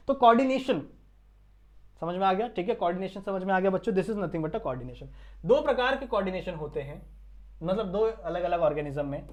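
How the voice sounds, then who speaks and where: A male teacher with an Indian accent gives a casual online science lesson, often asking his students questions and then answering them himself. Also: high voice. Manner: quizzes students with repeated questions. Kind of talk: casual classroom lecture.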